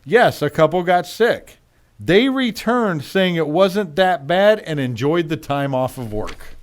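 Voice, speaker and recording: Male radio host, casual chat, reads quotes aloud, voice pitched a touch high. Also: expressive, unhurried.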